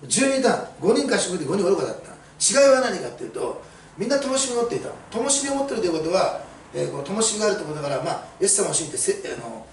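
A middle-aged man preaching a sermon as a pastor, telling stories chattily with many fillers. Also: sits high. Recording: roomy, mic at a distance, faint hiss.

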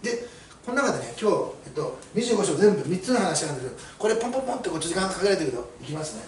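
A man's voice: high voice, big pitch swings, racing. A middle-aged man preaching a sermon as a pastor, telling stories chattily with many fillers. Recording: roomy, mic at a distance, faint hiss.

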